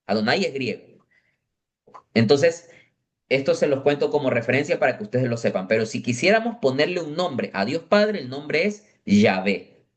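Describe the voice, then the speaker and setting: A man's voice: mid-range voice, big pitch swings, moderate pace. A man teaching an adult catechism class in a parish classroom, explaining step by step and often checking that his students follow.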